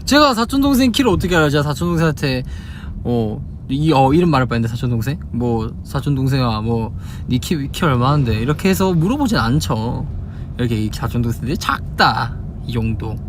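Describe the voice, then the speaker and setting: Speaking briskly in a mid-range voice, this young idol livestream host from Busan, South Korea, has a Busan Gyeongsang Korean accent. He chats casually, fields fan questions and shows off dialect phrases while steady car noise runs in the background.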